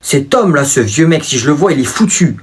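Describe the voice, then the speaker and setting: A man's voice: a little high, sing-song, fairly quick, slightly rough, heavily acted. A man playing an aggressive teenage boy who talks in swaggering street slang. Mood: threatening. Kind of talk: comedy sketch acting.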